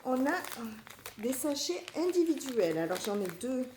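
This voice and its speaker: A middle-aged woman chatting casually to her viewers as she unboxes, with a gentle manner and many fillers. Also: high-pitched, sing-song, unhurried, echoey room, background noise. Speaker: vlogger.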